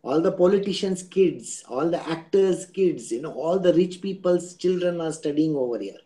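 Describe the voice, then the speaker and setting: A man's voice: on the high side, lively intonation, normal speed, mellow, rough recording. A man with an Indian English accent giving a spiritual discourse, teaching didactically through everyday examples and checking in with rhetorical questions.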